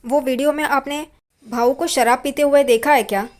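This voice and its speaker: A woman's voice: high-pitched, fairly even intonation, moderate pace, close to an everyday voice. A woman voicing a loyal young man who earnestly defends his friend, in a spoken recap of a TV serial.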